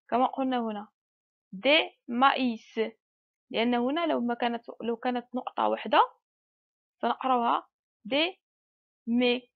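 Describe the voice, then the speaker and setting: Woman, French teacher, slow patient lesson, stretched-out syllables, slightly high voice, dull recording. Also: creaky. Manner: slow and patient, drawn-out letter sounds, mixes Arabic and French.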